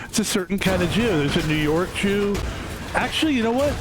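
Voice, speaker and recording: Young male streamer from Philadelphia, slightly high voice, casual rambling chatter. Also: expressive, brisk, music in the background. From Philadelphia, USA. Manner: rambling, self-interrupting storyteller. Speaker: game streamer.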